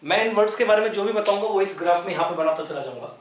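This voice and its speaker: A man explains English vocabulary in Hindi in a repetitive, classroom manner. His voice sits high for a man. The room adds a noticeable echo. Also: racing. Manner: repetitive, explanatory, spells words letter by letter. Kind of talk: explaining lesson in Hindi at a chart.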